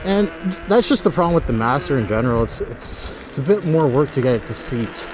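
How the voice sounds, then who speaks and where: A man's voice: mid-range voice, expressive, a little fast, a crowd in the background. A man vlogging casually while riding an electric unicycle on outdoor paths, rambling and swearing loosely, speaking into a helmet-mounted mic. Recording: wind and street noise from riding outdoors.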